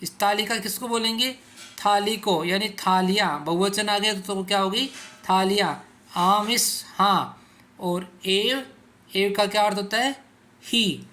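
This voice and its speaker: A man's voice: high-pitched, a little slow, bright, forceful tone. A male teacher explaining word meanings to school pupils, asking questions and answering them himself, and repeating words so pupils can say them along. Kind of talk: classroom explanation for school students.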